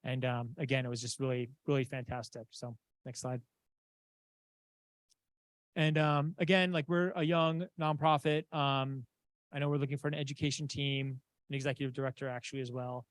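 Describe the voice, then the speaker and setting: A man from Southeast Alaska giving a conference slide talk, halting with many fillers and restarts. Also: mid-range voice, fairly even intonation, no echo. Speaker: conference presenter. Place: conference room.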